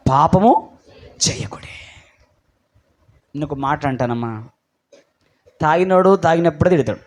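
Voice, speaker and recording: A man's voice: high-pitched, fairly bright tone. A man preaching a sermon to his church congregation, acting out little dialogues and calling on the people to respond. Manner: acts out short dialogues, calls out to the congregation. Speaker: pastor.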